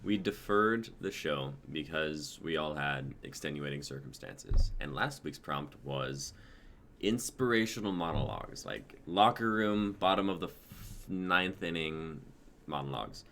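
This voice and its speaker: Over noisy home livestream audio, a man in his twenties runs a script-reading show in a casual, hyped style full of swearing. He has an animated bass voice, a little bright, and talks slightly slowly.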